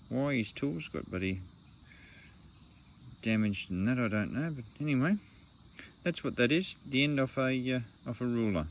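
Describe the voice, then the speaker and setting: A man's voice: mid-range voice, creaky, a little hiss or hum. Laid-back Australian man detecting in the bush. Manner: laid-back, swears casually, uses Aussie slang. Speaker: metal detecting vlogger. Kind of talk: casual outdoor narration while detecting. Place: outdoors on the goldfields, rural bush. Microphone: camera mic outdoors, wind at times.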